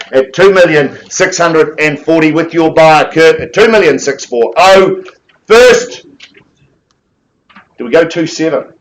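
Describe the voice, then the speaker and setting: A man's voice: mid-range voice, low-quality recording. A man working as an auctioneer at a live property auction, repeating bid figures and coaxing bidders along.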